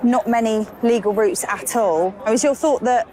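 Woman reporter asking calm questions outdoors. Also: on the high side, normal speed, slight background noise. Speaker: interviewer. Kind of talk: field interview.

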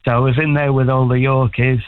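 A man in his sixties rings into a radio phone-in and rambles warmly, full of hesitations and restarts. His voice comes through a thin, tinny telephone line. His pitch sits in an ordinary middle range. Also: flat delivery, brisk, smooth, dry recording. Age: 60s. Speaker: caller. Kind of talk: casual phone-in chat.

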